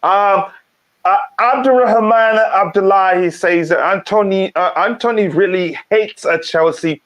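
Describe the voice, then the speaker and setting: A man who grew up in Nigeria hosts a casual live-stream football talk. His voice sits a little high for a man. He reads chat comments aloud and fills gaps with ums and restarts. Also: measured pace, fairly bright tone.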